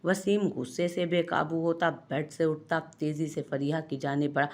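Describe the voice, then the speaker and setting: A woman's voice: steady tone, normal speed, a little mellow. A woman with an Urdu accent reading a romantic novel aloud, voicing all the characters herself. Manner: reads every character herself, with small pitch lifts for dialogue. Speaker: narrator.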